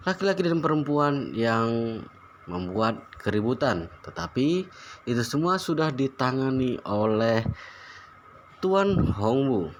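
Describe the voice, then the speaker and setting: A man narrating a novel aloud as a channel host, in a plain, steady reading voice with small slips. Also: medium pitch, slight background noise.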